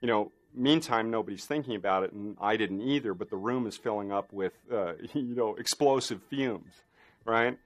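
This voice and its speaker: A special effects artist telling a behind-the-scenes anecdote in a documentary interview, rambling with many fillers and restarts. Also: male voice, lowish voice, moderate pace.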